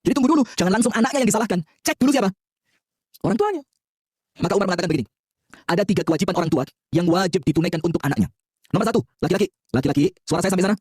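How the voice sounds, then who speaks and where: Husky high-voiced preacher, jokey, keeps quizzing the crowd, dry sound. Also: male voice, lively intonation, rapid-fire, darkish tone, no echo. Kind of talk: lively sermon with call-and-response.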